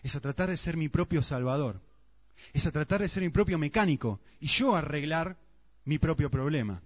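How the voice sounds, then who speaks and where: A man's voice: fairly high pitch, animated, moderate pace. A man preaching a sermon earnestly, often asking the congregation rhetorical questions. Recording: dull, muffled sound.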